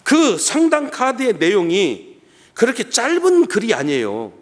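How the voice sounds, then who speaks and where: Animated Korean pastor in a reverberant church. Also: male voice, high-pitched, a little slow. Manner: animated, acts out his own prayers and shouts; addresses the congregation often. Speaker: guest pastor at a revival meeting. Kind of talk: revival sermon with storytelling. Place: church sanctuary.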